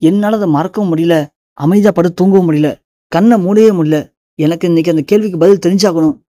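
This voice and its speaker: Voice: mid-range voice, fast talker, mellow, no echo, studio quality, lightly acted. A narrator voicing a desperate young man pleading to learn who his father is. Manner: pleading, insistent.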